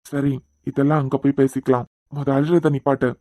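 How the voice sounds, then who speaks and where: A man's voice: mid-range voice, flat delivery, a little fast, dark tone, no room sound, close to an everyday voice. A man voicing an earnest young man with a Kanyakumari Tamil accent, in a dry close recording. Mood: exasperated. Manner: firm, pleading, reasoning. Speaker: voice actor. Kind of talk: cartoon serial dubbing.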